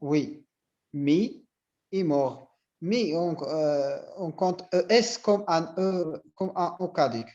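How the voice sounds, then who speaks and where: A man's voice: on the high side, takes it slowly, dark tone, lo-fi sound. A man with a Moroccan accent speaking up in class, hesitant as he makes his objection. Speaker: student. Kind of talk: classroom discussion. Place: university classroom.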